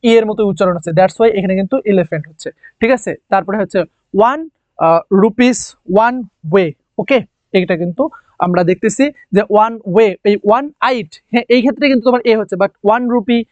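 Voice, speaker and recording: A man's voice: high voice, quick pace, no room sound, highs cut off. A man teaching an English grammar lesson, repeating key words and quizzing his students with questions. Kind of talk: classroom lecture.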